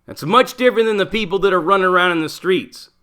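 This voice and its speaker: Man, middle-aged, high voice, bright tone, blunt, profane, street slang. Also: fast talker, clear, resonant tone. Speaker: channel host, former prisoner. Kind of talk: casual monologue.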